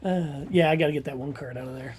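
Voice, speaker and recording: A man's voice: fairly high pitch, fast talker, a little mellow, a little hiss or hum. A man from Missouri co-hosting a casual podcast chat, plugging his convention in a rambling way, full of ums. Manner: rambling, filler-heavy promotional talk. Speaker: convention organizer and podcast co-host.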